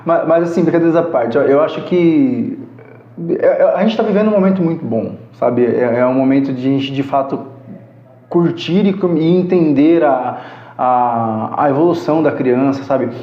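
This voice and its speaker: A man's voice: medium pitch, lively intonation, normal speed. Earnest Brazilian man, echoey and muffled. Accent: Brazilian Portuguese. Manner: earnest, heartfelt storyteller. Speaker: podcast guest. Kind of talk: casual storytelling interview. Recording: echoey room, muffled sound.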